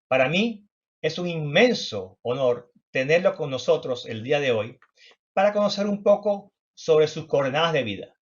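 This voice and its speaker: A man's voice: fairly high pitch, lively intonation, moderate pace. A Venezuelan man speaking in a courteous, formal way as an interview host. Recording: dull, band-limited audio.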